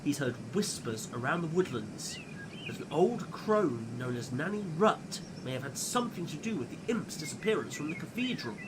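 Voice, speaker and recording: A man as earnest woodland guardian, theatrical, swooping high voice, children's storytelling, noisy outdoor recording. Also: big pitch swings, moderate pace. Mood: friendly, confiding. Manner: theatrical, earnest, addressing young audience as friends. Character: earnest, kindly protector of the woodlands.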